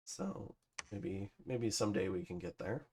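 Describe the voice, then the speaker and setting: A man's voice: fairly low pitch, unhurried, darkish tone, a little hiss or hum. A man casually commentating over his strategy game turns, thinking aloud with plenty of fillers. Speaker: gameplay commentator. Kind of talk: casual let's-play commentary.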